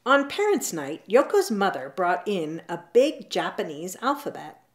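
This storytime reader settles onto a leather couch indoors at home to read a children's picture book. She takes it slowly, stretching out her phrases expressively as her lively pitch swoops about.

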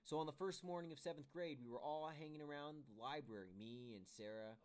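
A man reading a children's book aloud to his kids with expressive storytelling. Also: fairly high pitch, a little fast.

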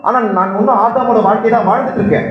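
A man preaching an earnest sermon, repeating words and swinging between high urgent pleas and low quiet passages. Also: racing, lo-fi sound, a crowd in the background. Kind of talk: Tamil sermon. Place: church. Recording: very echoey church hall with faint noise.

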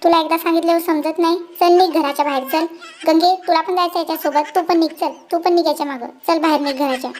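Squeaky pitch-shifted cartoon cat husband, short-tempered and shouting, voiced by one performer. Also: steady tone, slight background noise. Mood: scolding. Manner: shouting, rapid scolding. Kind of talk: comic cartoon dialogue.

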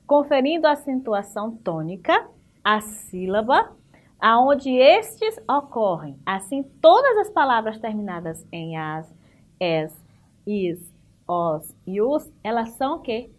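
A woman's voice: fairly high pitch, sing-song, takes it slowly. A woman with a Brazilian Portuguese accent, teaching a remote school lesson, explaining step by step, asking the class questions and praising answers.

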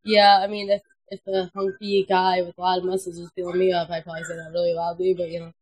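A woman's voice: fairly low pitch, completely flat delivery, fast talker, darkish tone. A young woman at a sleepover, chatting casually while watching a movie, laughing often and swearing freely. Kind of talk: casual chat. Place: home at a sleepover.

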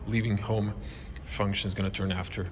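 A young man whose first language is Croatian, giving a casual walkaround car review in a showroom, talking haltingly with many fillers into a handheld camera. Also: on the low side, flat delivery, background noise. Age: young adult. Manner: halting, many fillers, non-native phrasing. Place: car dealership showroom, inside a car. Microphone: handheld camera close to face.

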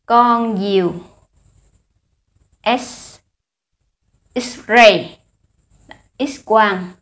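Woman, Vietnamese accent, very slow, slightly high voice, reading alphabet letters one at a time. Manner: slow, deliberate, hesitant fillers. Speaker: language teacher.

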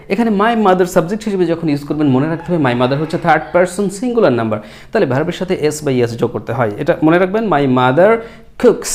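A male English teacher giving an online lesson, addressing the viewers directly and stretching out the model sentences slowly. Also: fairly high pitch, darkish tone. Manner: slow, drawn-out model sentences.

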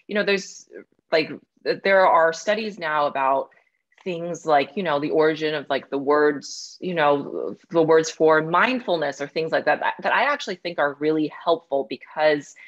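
A woman's voice: low voice, muffled recording. A woman hosting an interview as a scholar, speaking thoughtfully and hedging her points with frequent fillers. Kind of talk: conversational interview.

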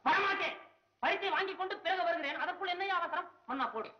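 An actor playing a poor, anxious male poet in a 1960s film, whining and frantic. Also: a little fast. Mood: cheeky. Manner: frantic, whiny, jumps between high and low. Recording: dull old film soundtrack.

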